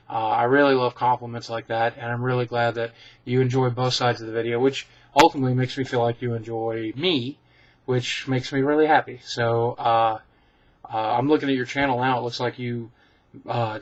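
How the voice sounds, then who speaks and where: Over dull webcam sound, a man with a mid-range voice rambles through a casual Q and A for his viewers. He is chatty and frank, pokes fun at himself, and keeps restarting with plenty of ums.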